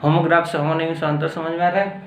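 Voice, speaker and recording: A man with an Indian accent teaching an English grammar lesson, explaining slowly and deliberately and checking in often with his students. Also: a little high, fairly even intonation. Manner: slow, deliberate explaining with frequent checks like "okay?". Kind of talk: classroom-style grammar lesson mixing Hindi and English. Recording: roomy echo with faint background noise.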